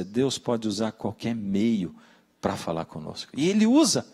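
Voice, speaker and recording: A man's voice: a little high, husky. A man, a pastor preaching a sermon, telling stories and addressing listeners directly. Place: church. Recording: reverberant church hall.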